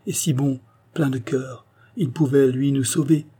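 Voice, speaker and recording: A man's voice: mid-range voice, steady tone, measured pace, mellow, breathy edge, pitched above the performer's own voice. A man reading a novel aloud, voicing a distressed young woman who pleads earnestly for her brother. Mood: anxious pleading.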